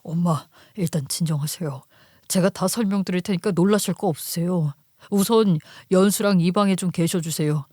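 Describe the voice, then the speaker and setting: A woman voicing a calm husband who pleads softly with his angry wife. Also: moderate pace, no echo, clean studio sound, natural voice. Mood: soothing. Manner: soft, placating, low-voiced. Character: calm pleading husband hiding a family secret. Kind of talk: storytelling radio drama reading.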